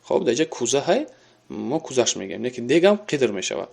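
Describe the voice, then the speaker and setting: A man teaching a recorded Arabic grammar lesson. He reads example sentences slowly and then explains them at length, with fillers. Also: medium pitch, very animated, gravelly, darkish tone, breathy edge. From Tajikistan.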